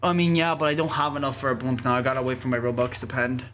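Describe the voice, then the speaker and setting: A man's voice: mid-range voice, fast, fairly bright tone, a little hiss or hum. A man live-streaming a game, chatting casually and rambling with lots of fillers and laughs.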